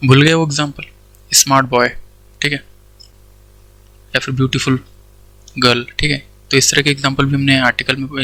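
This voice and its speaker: Male grammar teacher with an Indian accent, bright and dry, walks through rules step by step. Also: medium pitch, dry recording, rough recording. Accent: Indian English. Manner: explains step by step, asks questions and answers them himself, says "theek hai" often. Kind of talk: Hindi-English classroom lecture.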